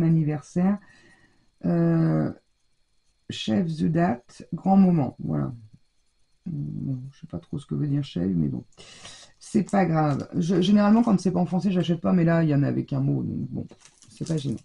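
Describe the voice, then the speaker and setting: A French scrapbooking vlogger casually shows off her haul, chatty and rambling with lots of fillers. Her voice is on the low side, a bit slow and mellow with vocal fry, and she has a scratchy throat and a stuffy nose.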